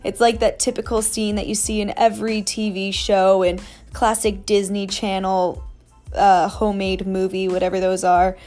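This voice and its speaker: A woman's voice: mid-range voice, level tone, normal speed, a little mellow, soft background music. A young woman from New England talks through her solo podcast in a chatty, casual way. She keeps slipping in jokey little asides as she goes. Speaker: podcast host.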